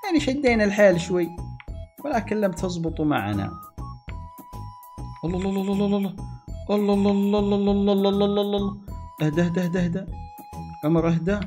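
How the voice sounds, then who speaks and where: A man giving excitable gameplay commentary, exclaiming and talking to himself and his viewers. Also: high-pitched, rapid-fire, pauses often, faint music behind. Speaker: gaming YouTuber.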